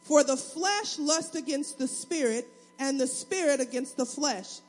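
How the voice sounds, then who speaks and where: A woman pastor with a Southern US accent, preaching a fast, excitable sermon with call-and-response to her congregation. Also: sits high. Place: church sanctuary. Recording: long hall reverb.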